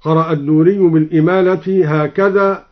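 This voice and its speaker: A man presenting Quran recitation readings, explaining each variant and then chanting it in a slow melodic style, on an old radio recording. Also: fairly high pitch, fairly even intonation, highs cut off. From Egypt.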